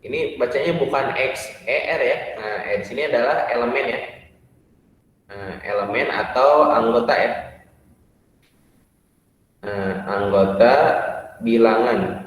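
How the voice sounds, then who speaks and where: Man, math teacher, patient step-by-step explaining, distant mic, booming hall echo. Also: a little slow, long pauses. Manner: patient, step-by-step, many "nah" fillers. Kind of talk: classroom math lesson. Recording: echoey hall, far from the mic.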